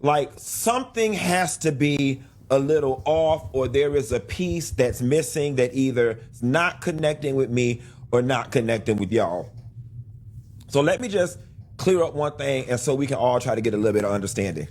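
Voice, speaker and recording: A man earnestly explaining his side of a public dispute, now and then breaking into animated exclaimed asides. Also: mid-range voice, normal speed. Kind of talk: clip of a personal video statement.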